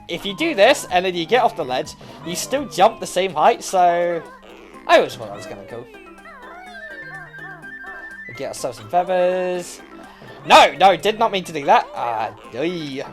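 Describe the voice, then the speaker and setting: A man giving casual, joking commentary as he plays through a video game for his channel. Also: high-pitched. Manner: chatty and playful, jokes as he plays. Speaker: let's play host. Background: faint video game music.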